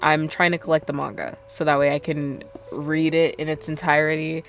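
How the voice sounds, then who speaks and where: A woman's voice: low voice, flat delivery, moderate pace. A young adult woman streaming a game, chatting casually and rambling with lots of fillers. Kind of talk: casual chat while gaming.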